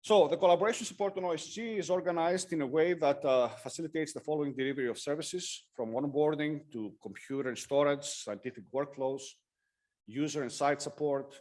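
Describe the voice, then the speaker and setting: A man giving a technical lightning talk with slides, speaking haltingly with frequent hesitations and self-corrections. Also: fairly high pitch, darkish tone. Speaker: conference presenter.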